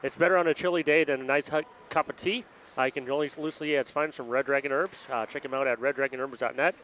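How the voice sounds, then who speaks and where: A man gives relaxed color commentary on an amateur hockey game from a rink booth, talking shop like a player and laughing easily. His voice sits at an ordinary middle pitch. Faint background noise hangs under the booth recording. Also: fast. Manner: laid-back, laughs easily, talks like a player.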